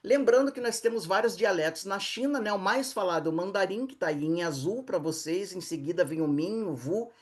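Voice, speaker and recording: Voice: medium pitch, animated. A speaker with a Brazilian Portuguese accent, a tour leader giving an online slide lecture to travelers, explaining patiently and often checking in with tag questions. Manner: patient, repeats words slowly for practice.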